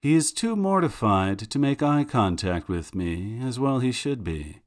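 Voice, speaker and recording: A male narrator reading a first-person serial story with dry, sardonic wit. His medium-pitched voice is lively, swinging up and down through the telling. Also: a little slow.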